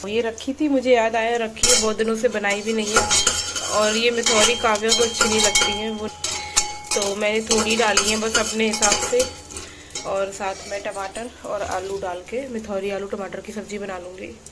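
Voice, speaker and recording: A woman's voice: medium pitch, flat delivery, moderate pace, very noisy. A woman and mother vlogging at home, chatting to the camera as she explains her laundry and cooking step by step. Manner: chatty, explains each household task step by step. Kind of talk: casual chat to camera.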